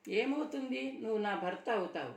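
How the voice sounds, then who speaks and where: A woman voicing a bold, steady young woman in disguise, speaking calmly and firmly in an audiobook. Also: a little high, moderate pace, gravelly. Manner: calm, firm, insistent. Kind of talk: audiobook dialogue reading. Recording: roomy sound from a distant mic.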